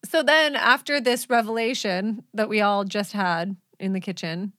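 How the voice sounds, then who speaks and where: A woman's voice: mid-range voice, normal speed, fairly bright tone, dry recording, clean studio sound. A young woman co-hosting a podcast, giggly and apologetic, who keeps laughing in casual chat. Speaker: podcast co-host.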